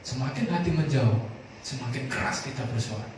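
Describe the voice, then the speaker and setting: A male pastor preaching a sermon, animated and calling on the congregation to answer together. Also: medium pitch, brisk. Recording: echoey room, far from the mic, clear noise.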